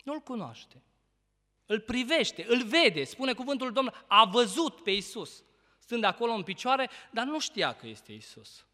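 Male preacher, bright high voice, expository sermon with rhetorical questions, long church-hall reverb. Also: sing-song. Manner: expository preaching, rhetorical questions, loud emphatic peaks then quiet reading.

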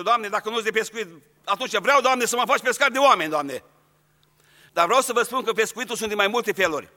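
A man's voice: high voice, bright, forceful tone, in a large hall. A man preaching a sermon, speaking earnestly and straight to his congregation. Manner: earnest, addresses the congregation directly.

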